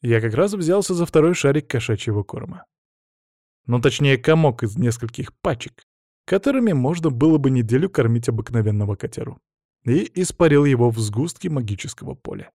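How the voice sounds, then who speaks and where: A man's voice: mid-range voice, animated, fairly quick, warm tone, dry recording, clean studio sound. A man narrating a first-person audiobook in a wry storytelling manner.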